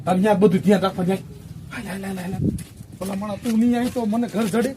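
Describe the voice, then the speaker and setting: A man's voice: sits high, steady tone, racing, recorded from a distance, very noisy, close to an everyday voice. A man playing a scheming, bossy village plotter in a comedy skit, with a pushy, coaxing way of talking. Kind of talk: amateur comedy film acting.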